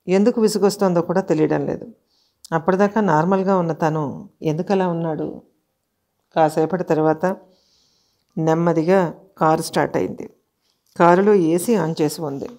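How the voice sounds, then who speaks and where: A woman narrating a horror audio story, in a calm, measured reading voice with short pauses. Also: lowish voice.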